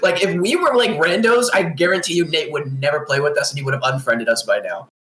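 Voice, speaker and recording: A young man chats on a casual podcast. His voice sits a little high and he rambles through stories, filling every gap with "like". The recording carries a roomy echo. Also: fast, fairly bright tone. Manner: rambling storytelling, heavy use of "like". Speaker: podcast co-host. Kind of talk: casual chat.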